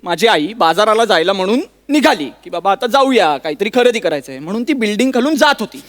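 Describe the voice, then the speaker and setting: A fed-up, high-voiced son-in-law. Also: male voice, very animated, fast, a bit bright. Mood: exasperated. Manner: impatient, keeps interrupting to demand a hearing. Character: exasperated young son-in-law complaining about his wife. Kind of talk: stage comedy sketch. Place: stage before a live audience.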